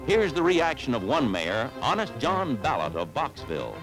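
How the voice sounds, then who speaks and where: A man's voice: mid-range voice, wildly swooping pitch, normal speed, low-quality recording. A man in an old newsreel style, announcing each item with emphatic mock-serious delivery. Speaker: newsreel narrator. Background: music.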